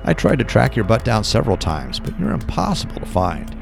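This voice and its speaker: A man playing a calm, skeptical man. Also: lowish voice, brisk, creaky, pitched above the performer's own voice, exaggerated voice. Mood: curious. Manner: calm, doubtful questions. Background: music.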